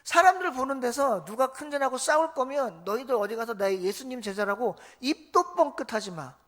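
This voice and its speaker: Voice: mid-range voice, lively intonation, moderate pace, fairly bright tone, pitched above the performer's own voice, close to an everyday voice. Blunt, slangy scolding teacher figure, a preacher doing him in a sermon. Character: Jesus scolding his bickering disciples, blunt and colloquial.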